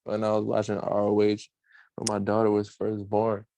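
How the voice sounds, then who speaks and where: A man's voice: fairly low pitch, completely flat delivery, normal speed, gravelly, mellow. A young man co-hosting a casual wrestling podcast, laid-back, laughing often and full of slang. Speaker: podcast co-host. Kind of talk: casual wrestling review chat.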